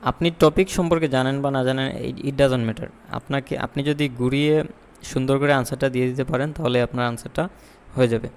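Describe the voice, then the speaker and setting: A man teaching IELTS speaking tips in a lesson. He explains in Bengali, slips in English terms, reads example sentences slowly and repeats key points. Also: mid-range voice, steady tone, clean tone, in a large hall. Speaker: IELTS tutor. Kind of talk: spoken exam-tips lesson.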